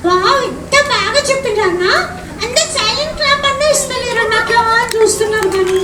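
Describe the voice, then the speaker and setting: At a live puppet show for children, a performer voices Andy, a cheeky little boy puppet, with a high squeaky voice at a quick pace. Andy is chatty and teasing, playfully addressing the kids and calling everyone brother. The sound comes from a distance in an echoey hall full of loud crowd noise.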